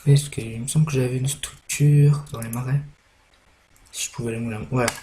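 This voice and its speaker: A young Frenchman talks through a game in a loose, rambling way, full of ums and restarts. His voice sits at an ordinary pitch. Faint keyboard clicks tick along behind him. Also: fairly even intonation, moderate pace, mellow, slight background noise. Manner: rambling, hesitant, many fillers and restarts. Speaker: gaming YouTuber. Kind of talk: casual gameplay commentary.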